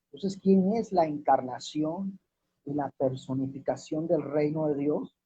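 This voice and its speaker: A man preaching a sermon as minister, slowing down and repeating verses to drive his points home. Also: fairly high pitch, mellow. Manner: slows and drops his voice to stress key words, repeats verses. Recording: dull lo-fi recording.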